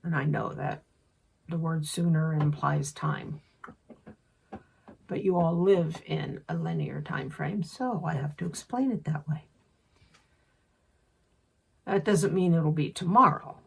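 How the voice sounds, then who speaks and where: A woman channeling a spirit in slow, measured speech, with a husky voice. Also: sits low, distant mic. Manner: slow, measured, unhurried delivery.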